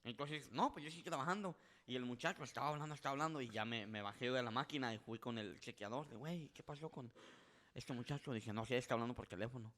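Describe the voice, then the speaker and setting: Talking fast with hardly any pauses, a medium-pitched man tells a casual story as a podcast guest. He animatedly imitates the people in it and keeps restarting what he's saying.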